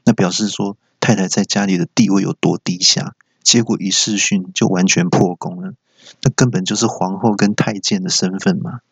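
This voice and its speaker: A man hosting a comedy podcast, telling a joke monologue in a deadpan storytelling manner, recorded slightly dull and lo-fi. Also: sits low, normal speed, vocal fry, slightly rough, dry recording. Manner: deadpan storytelling, explains his own jokes. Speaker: stand-up comedy podcast host.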